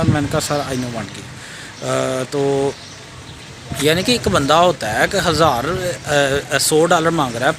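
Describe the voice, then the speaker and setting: Rambling man, noisy outdoors. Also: a little high. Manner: rambling, hesitant, with many fillers and restarts. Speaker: vlogger. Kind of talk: casual travel storytelling. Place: outdoors at a roadside border crossing. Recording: noisy outdoor ambience with birds and traffic.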